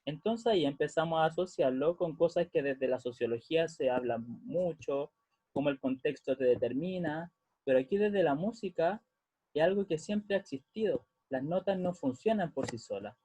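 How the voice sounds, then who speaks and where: With a fairly high, mellow voice that has a breathy edge, a music teacher speaks at normal speed and sounds animated. He lays out music theory patiently, checking often with "¿ya?" that everyone is keeping up.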